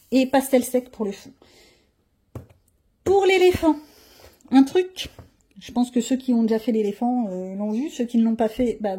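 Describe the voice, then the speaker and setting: Chatty female crafts host: grumbly, self-deprecating, a warm husky voice. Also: fairly high pitch. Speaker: coloring channel host. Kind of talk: casual chat showing her coloring pages.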